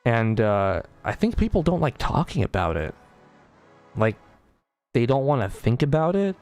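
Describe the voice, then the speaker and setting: A man's voice: mid-range voice, sing-song, moderate pace, darkish tone, clear, resonant tone, faint music behind. A man co-hosting a podcast late at night, sleepy and yawning, talking in a rambling, sarcastic way with lots of fillers. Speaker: podcast co-host. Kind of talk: casual chat.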